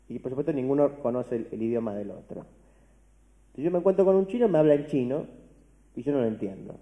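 Man, Argentine Spanish accent, philosophy lecturer, conversational, dark mellow voice, big echoing hall. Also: mid-range voice. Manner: conversational, asks "¿no?" often, restarts words. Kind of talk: university-style lecture to a large audience. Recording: long hall reverb.

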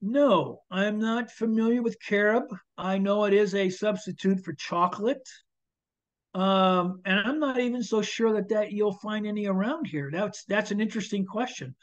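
Taking audience questions on a video call, an older chef who also teaches foraging talks at a moderate pace in a voice that sits high. His speech is hesitant, full of fillers and restarts, captured through a webcam with dull, lo-fi sound.

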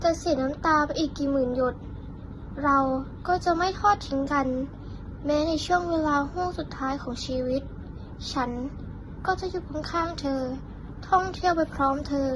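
ผู้หญิงเสียงสูงเล่าบทนำนิทาน. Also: female voice, high voice, normal speed, noisy background. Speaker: narrator. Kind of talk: poetic scripted story introduction. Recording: prominent music behind the voice.

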